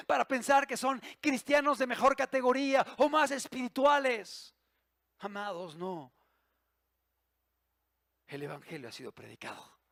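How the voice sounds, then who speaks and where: High-voiced, gravelly impassioned preacher man. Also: dry recording, studio quality. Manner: impassioned preaching, swings from loud emphasis to hushed low asides. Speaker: pastor. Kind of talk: sermon.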